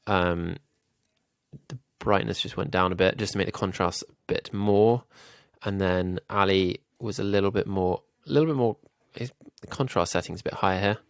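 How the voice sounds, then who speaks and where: A man with a low, gravelly voice, sounding nasal and slightly ill. He thinks aloud in an easygoing way, full of little ums, as he walks viewers through a design tutorial. The recording is dry and close to the mic. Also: normal speed, dry recording. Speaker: YouTube growth coach.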